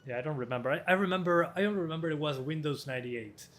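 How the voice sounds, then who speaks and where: A man in his twenties, slightly hoarse, casually answering viewer questions on a live stream as a hardware tester with quick chuckles. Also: fairly high pitch, fairly bright tone. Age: 20s.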